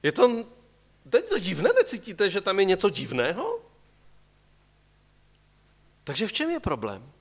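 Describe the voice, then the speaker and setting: A man's voice: high-pitched, pauses often. A man preaching a sermon, asking his listeners questions and pulling them into the story. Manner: animated, questioning the congregation directly.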